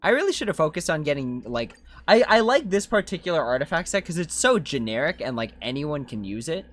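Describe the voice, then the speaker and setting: A game streamer chats casually in slang, thinking out loud and reading viewer comments as he goes. His mid-range voice is very animated and fairly quick.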